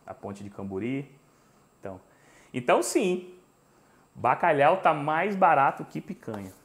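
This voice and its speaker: Brazilian man in his forties hosting a cooking stream, animated storyteller, a bit high-pitched, close lapel mic. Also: a little slow. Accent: Brazilian Portuguese. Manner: animated storytelling, chatty and joking with viewers. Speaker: cooking show host. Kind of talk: live cooking stream chat. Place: home kitchen, indoors.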